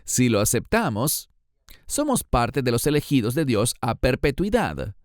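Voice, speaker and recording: A man giving a scripted Bible lesson in a measured, explanatory way. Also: mid-range voice, big pitch swings, no room sound, clean studio sound. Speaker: Bible teacher.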